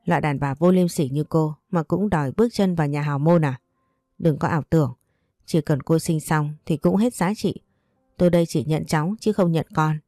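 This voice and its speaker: A harsh, domineering mother-in-law rains down scolding at speed, put on by a woman narrator. The voice is low and mellow, and the sound is dry and close. She is bossy, insulting and unrelenting. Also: brisk, no room sound, faint music behind. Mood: furious.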